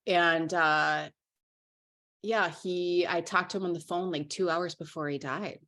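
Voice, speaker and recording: A young woman from Minnesota speaks low in her range and candidly in a conversational interview. She restarts her sentences and fills pauses with "um" and "you know.". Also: fairly even intonation, a bit bright. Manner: frank and candid, restarts sentences, many fillers. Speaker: interview guest, writer and journalist.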